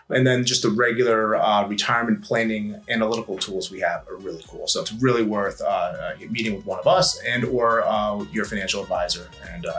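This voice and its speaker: A man's voice: on the low side, fairly bright tone. A man hosting a podcast as a financial advisor, talking in a casual, agreeable, informal way and checking in with the listener. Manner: agreeable, informal, often tags sentences with "right?". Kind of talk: casual conversational podcast talk.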